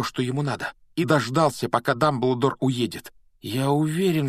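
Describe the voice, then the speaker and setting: An eager young schoolboy wizard, as a male narrator plays him, raised a few steps higher than the reader's own voice and pressing hard with urgent insistence. It is heard in a dry, close storybook reading. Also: dry recording.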